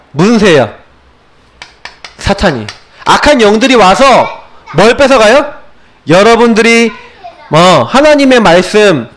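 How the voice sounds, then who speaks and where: A man's voice: sits high, a bit bright. A male pastor giving a sermon to children, asking questions and answering them himself. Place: church.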